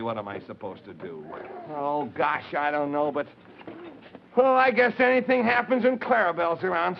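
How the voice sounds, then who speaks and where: A man's voice: fairly high pitch, vocal fry. A man hosting an old children's TV show, speaking in a folksy, exclamatory way to the kids. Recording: muffled, noisy old TV recording.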